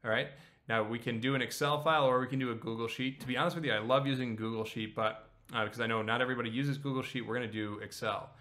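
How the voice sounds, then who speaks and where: A man in his thirties leads a screen-share tutorial in a bright, forceful voice at a middle pitch. He talks casually and explains each step, often pausing to ask "okay?". He sounds like a hands-on instructor speaking from a small room. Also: fairly even intonation. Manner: casual, explanatory, frequent "okay?" check-ins. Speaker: accounting instructor.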